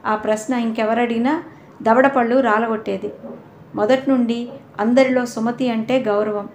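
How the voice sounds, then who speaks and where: Woman narrating a novel, fairly high voice. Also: fairly even intonation, normal speed, slight background noise. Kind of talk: scripted narration.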